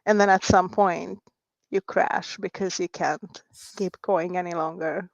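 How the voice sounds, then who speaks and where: Woman from Hungary, middle-aged, soft-spoken, hesitant, dry dull lo-fi sound. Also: fairly low pitch, steady tone, unhurried, vocal fry, no room sound. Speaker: guest, nurse and writer. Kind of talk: interview conversation.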